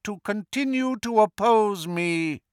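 A man voicing a cold, mocking dark wizard lord in an audiobook, with a soft, silky hiss and slow, pompous menace. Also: sits high, clear, resonant tone, no echo, studio quality, pitched above the performer's own voice. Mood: grandiose, commanding.

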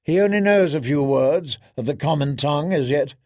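A man playing an earnest young commander who speaks with measured courtesy. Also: a little high, lively intonation, darkish tone, no room sound, clean studio sound, close to an everyday voice.

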